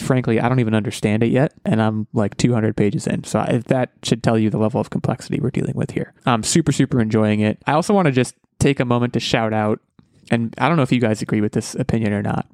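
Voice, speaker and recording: A man's voice: mid-range voice, a little mellow, dry recording. A man hosting a podcast in casual chat, rambling and joking with lots of fillers and restarts. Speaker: podcast host.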